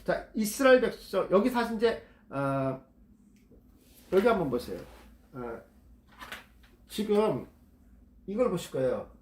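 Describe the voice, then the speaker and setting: A man's voice: high voice, sing-song, measured pace, long pauses, darkish tone, roomy sound, slight background noise. A man leading a Bible study lecture, reading passages aloud and explaining words, often repeating key terms. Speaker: Bible teacher.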